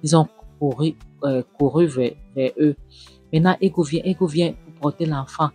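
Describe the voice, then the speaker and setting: Husky, animated film recapper. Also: mid-range voice, moderate pace, soft background music. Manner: animated, voices the characters' lines and scolds them. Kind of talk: casual retelling of a film episode.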